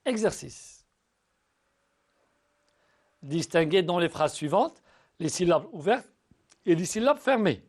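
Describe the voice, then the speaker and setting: Patient high-pitched male teacher. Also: slightly rough. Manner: patient, slowly spells out syllables and addresses pupils; often repeats and restarts words. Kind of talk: recorded school lesson.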